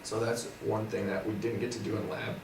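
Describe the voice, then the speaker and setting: Brief: relaxed young man, mid-pitched, trailing off at phrase ends, recorded far from the mic in a roomy space. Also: a little fast, a little hiss or hum. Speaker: co-host, physical therapy student. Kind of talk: casual study recap.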